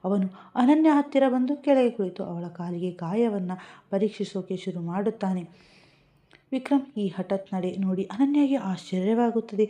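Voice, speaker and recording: Mellow-voiced woman narrating a love story. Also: mid-range voice, moderate pace. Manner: even, descriptive storytelling.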